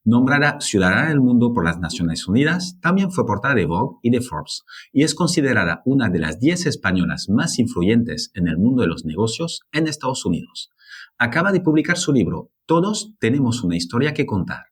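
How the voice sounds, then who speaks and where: A man from France, a native French speaker, hosting an interview podcast in a lively, hesitant way with many fillers. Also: mid-range voice, a little fast, breathy edge. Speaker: podcast host.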